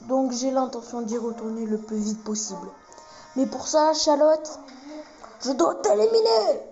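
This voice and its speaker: A woman's voice: on the high side, steady tone, normal speed, highs cut off, lightly acted. Woman reading as haughty Vegeta, game prince. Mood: scornful. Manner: haughty, dismissive, reading dialogue aloud. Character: proud cold alien prince warrior, adult man. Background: game music.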